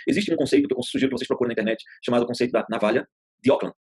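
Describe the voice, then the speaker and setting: A man's voice: medium pitch, racing, darkish tone, breathy edge. A man teaching a therapy course in a casual lecture, telling stories in plain everyday speech and repeating phrases to drive his points home. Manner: colloquial, storytelling, repeats phrases for emphasis. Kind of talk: informal online class lecture.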